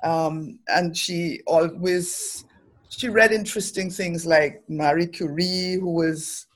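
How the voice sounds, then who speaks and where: Slow and steady in tone, this lower-pitched woman is a middle-aged Trinidadian academic and development professional. She is the guest in a reflective interview, answering in a thoughtful, earnest way.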